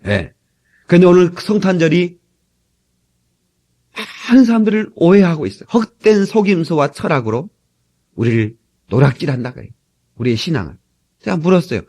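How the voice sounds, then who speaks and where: A man from Korea preaching a sermon as pastor, lively and humorous with frequent asides to the congregation, recorded on an old cassette tape. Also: on the high side, normal speed, pauses often.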